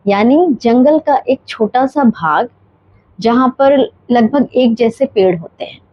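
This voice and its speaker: Slow, careful woman teaching vocabulary. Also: a little high, dull audio. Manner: slow, deliberate pronunciation drills. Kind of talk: bilingual vocabulary lesson.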